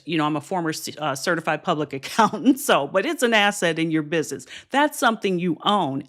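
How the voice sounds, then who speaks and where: Woman, business coach, livestream talk, encouraging, direct, mid pitch. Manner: encouraging, direct, with restarts and asides to viewers. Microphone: streaming camera setup.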